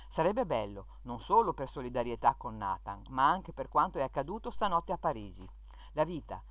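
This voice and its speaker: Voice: medium pitch, no echo. A speaker reading an opinion column aloud in an indignant tone, with sarcastic rhetorical questions. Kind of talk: scripted reading of an opinion piece.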